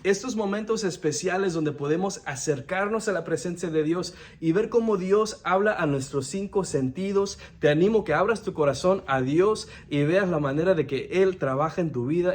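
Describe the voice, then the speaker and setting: An earnest young American man gives a devotional sermon, often halting and restarting his words. His voice is on the high side with a darkish tone.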